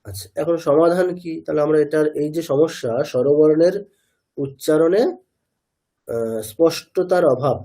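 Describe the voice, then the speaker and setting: A man with a Bengali accent teaches a class in a patient, explanatory way and repeats each example. His voice sits on the high side and sounds warm and mellow. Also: moderate pace, long pauses. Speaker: Sanskrit chanting teacher. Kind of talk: classroom lesson.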